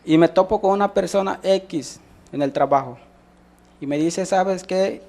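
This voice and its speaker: A man's voice: a little high, moderate pace, vocal fry, darkish tone. A man with a Mexican Spanish accent giving a sermon testimony, telling his story with many restarts and voicing the people in it. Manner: storytelling, acts out quoted dialogue, frequent restarts.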